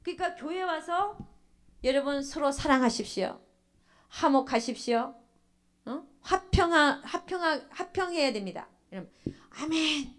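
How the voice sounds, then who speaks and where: Animated woman pastor preaching. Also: high-pitched, unhurried. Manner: animated preaching, asks the congregation questions, acts out church members' thoughts. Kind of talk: sermon.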